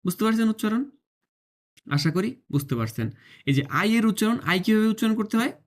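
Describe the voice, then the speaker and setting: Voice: medium pitch, lively intonation. Patient teacher drilling sounds. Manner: drills sounds by slow repetition, often checks understanding; demonstrates tongue and breath on camera. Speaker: Mandarin teacher. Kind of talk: online language lesson.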